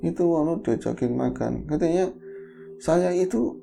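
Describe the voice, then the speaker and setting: Gravelly man telling a horror story. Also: unhurried, over music. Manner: acts out the characters' lines with sharp jumps up in pitch and loudness. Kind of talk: casual storytelling chat.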